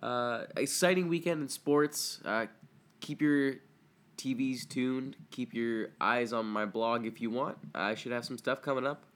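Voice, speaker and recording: A man's voice: medium pitch, measured pace, fairly bright tone. A young man hosting a casual podcast, his voice stuffy from a cold, talking loosely with lots of ums and uhs. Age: young adult. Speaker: podcast host. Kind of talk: casual solo podcast chat.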